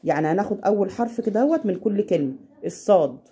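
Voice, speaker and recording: A woman with an Egyptian Arabic accent tutoring a child at home, patient and slowing down to demonstrate recitation. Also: medium pitch, lively intonation, dark tone. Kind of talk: casual home lesson.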